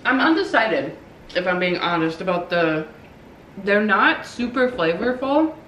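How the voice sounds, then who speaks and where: A young woman vlogs while baking in her home kitchen, chatting casually and hesitantly with plenty of ums and likes. Her mid-range voice swings widely in pitch, a little slow and slightly bright. The room is echoey, the mic sits far away, and there's faint hiss or hum.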